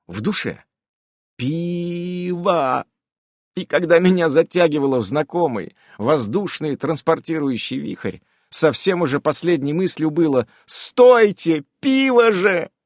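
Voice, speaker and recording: Animated male fantasy audiobook narrator. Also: fairly high pitch, dry recording, studio quality.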